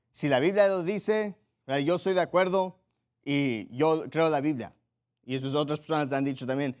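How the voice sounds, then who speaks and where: A pastor preaching a sermon emphatically, repeating his points, checking in with the congregation and reading Bible passages aloud. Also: a little high. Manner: directs listeners to Bible passages and reads them aloud.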